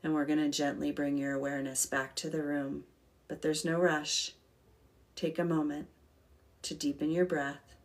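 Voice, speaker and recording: A woman guiding a calm grounding exercise, speaking gently and soothingly in short, unhurried phrases as a meditation leader. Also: low voice.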